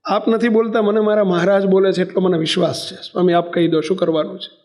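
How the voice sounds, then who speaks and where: An earnest young devotee pleads with a raised, high voice, as a preacher puts him on in a story. The tone carries a gravelly edge underneath. He sounds sincere and close to tears. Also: flat delivery, fast, darkish tone. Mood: tearful devotion. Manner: earnest, pleading, tearful at times.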